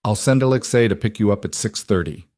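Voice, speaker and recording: A man doing a calm, firm crime boss. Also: on the low side, fast, dry recording, clean studio sound, close to an everyday voice. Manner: calm, gentle but firm.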